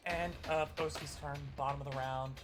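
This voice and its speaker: A man running a tabletop game as game master, giving brisk, matter-of-fact rulings. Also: fairly high pitch, fairly even intonation. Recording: music playing behind. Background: background music.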